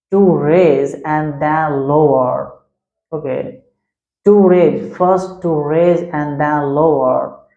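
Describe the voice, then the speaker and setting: Slow, repetitive English vocabulary teacher. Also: male voice, a little high, darkish tone. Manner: repetitive, spells words letter by letter. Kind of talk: vocabulary lesson. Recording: echoey room.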